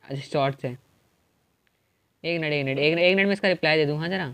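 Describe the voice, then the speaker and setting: A man streaming a multiplayer game live, chatting casually and shouting at the other players. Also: a little high, fast, gravelly, clean tone. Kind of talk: casual gaming livestream chat.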